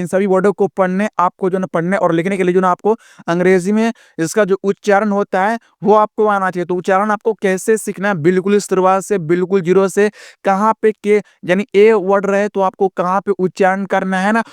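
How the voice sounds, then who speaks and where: A man teaching a beginner English lesson, explaining slowly and repeating himself with many fillers. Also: sits high, smooth, no echo, clean studio sound. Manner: repetitive, drawn-out classroom explaining with many fillers. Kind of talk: casual spoken lesson.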